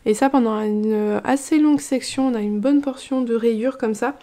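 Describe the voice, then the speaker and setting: A woman chatting casually as a knitting vlogger, relaxed and talkative, with frequent fillers and restarts. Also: fairly high pitch, normal speed. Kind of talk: casual chat.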